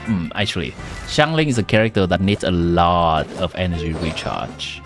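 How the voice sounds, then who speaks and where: A young Vietnamese man, a native speaker with a Vietnamese accent, chats casually on a live game stream, answering viewers and giving game advice. His voice sits low at a normal speed, with game music behind him.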